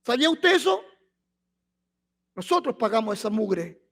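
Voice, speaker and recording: A man's voice: very high-pitched, sing-song, unhurried, a bit bright. A male pastor preaching a sermon, reading scripture aloud with emphasis and throwing rhetorical questions at the congregation.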